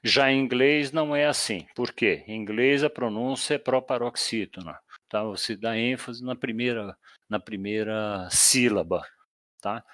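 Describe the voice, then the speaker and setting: A man's voice: mid-range voice, a little slow, a bit bright, dry recording, studio quality. A man with a Brazilian Portuguese accent teaching radio communication in an online lecture over a voice call, explaining step by step and checking in often with short questions. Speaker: flight communication instructor. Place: voice chat call.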